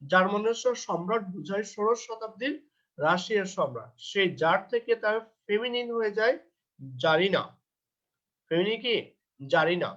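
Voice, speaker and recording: Bangladeshi guy teaching grammar, high voice, dull lo-fi sound, reads lines slow then explains. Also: expressive, a bit bright. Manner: reads English textbook lines slowly, then explains in Bengali; asks himself questions and answers them. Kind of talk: recorded grammar lecture. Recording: dull lo-fi recording.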